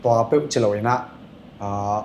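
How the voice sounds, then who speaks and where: A man's voice: normal speed, a little mellow. A man chatting casually as a podcast guest, telling rambling stories with lots of filler sounds. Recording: echoey room with faint ambient noise.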